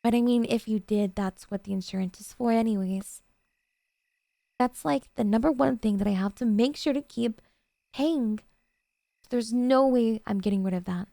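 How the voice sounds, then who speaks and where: In a very dry, close recording, a woman performs an ASMR roleplay as a doting yandere girlfriend, her fairly high voice dark and mellow with a hint of creak. She speaks softly and intimately at a moderate pace, sweet but possessive and obsessive.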